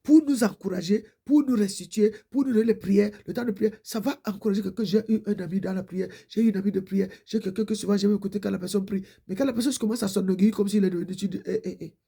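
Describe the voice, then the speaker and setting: A woman's voice: medium pitch, steady tone, fast, creaky, few pauses, dark tone, breathy edge. A woman preacher giving a fervent exhortation and prayer, repeating her pleading prayer lines.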